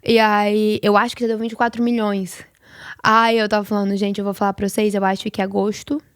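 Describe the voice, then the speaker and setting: A woman's voice: medium pitch, clear, resonant tone, no room sound, clean studio sound. A thirty-one-year-old Brazilian woman co-hosting a podcast, telling stories in casual, informal chat. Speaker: podcast co-host.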